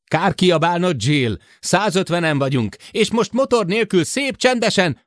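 A man's voice: sits high, lively intonation, no echo, studio quality, voice pushed up. A man voicing a cocky male helicopter pilot who talks back over the radio. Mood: defiant.

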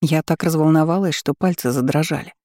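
Calm woman reading a novel. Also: low-pitched, brisk, dry recording, clean studio sound. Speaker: audiobook reader. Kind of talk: scripted first-person narration.

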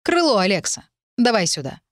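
A woman's voice: medium pitch, expressive, a little fast, dry recording, studio quality, natural voice. Woman reading a brusque mocking young man. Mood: commanding. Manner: curt, teasing, commanding.

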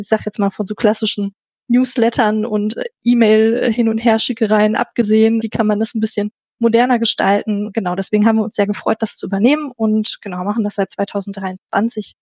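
A woman's voice: mid-range voice, no echo. A woman from the Ruhr area, a podcast guest describing her work in a casual, chatty way that leans on fillers. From Ruhr area, Germany. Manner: chatty, fills with "genau". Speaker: podcast guest, network manager. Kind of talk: casual interview talk. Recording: tinny phone-like line.

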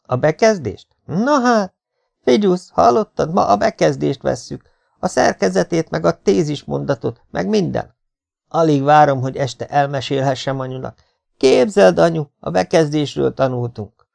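A man's voice: on the high side, expressive, vocal fry, a little mellow, voice pushed up. A man putting on the voice of a sarcastic teenage student who mocks the teacher with fake eagerness.

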